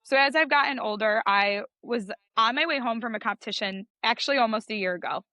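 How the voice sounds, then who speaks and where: A woman's voice: fairly high pitch, a little fast, sharp tone, dry recording. A young woman, a judge and coach, talking in a chatty, emphatic way in a casual interview. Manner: chatty and emphatic, heavy use of "like".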